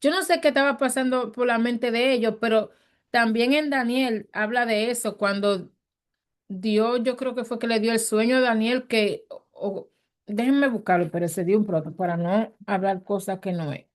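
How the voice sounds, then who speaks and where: A woman leads a Bible study in a relaxed, conversational sermon. Her voice sits a little high, and she presses her points with earnest emphasis. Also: normal speed. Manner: earnest and emphatic, acts out quoted speech. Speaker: preacher teaching a Bible study.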